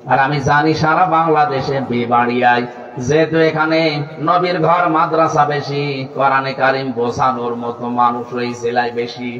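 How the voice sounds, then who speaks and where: A man preaching a sermon with a Bangladeshi Bengali accent, climbing to loud high exclamations and quizzing the crowd like a teacher. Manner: rising to loud high exclamations, chanting Quran verses. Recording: echoey, distant, dull outdoor PA sound.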